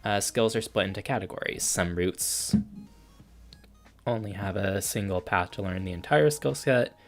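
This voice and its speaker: A man's voice: fairly low pitch, moderate pace, faint music behind. A man casually commenting while playing a video game, reading out menus and skills. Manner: relaxed, reads out game menus with filler ums. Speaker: gaming streamer. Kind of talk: casual let's-play commentary.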